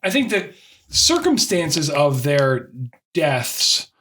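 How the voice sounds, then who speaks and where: A man's voice: on the high side, sing-song, takes it slowly, fairly bright tone. A man co-hosting a podcast in casual chat, bemused and questioning as he reacts. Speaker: podcast co-host.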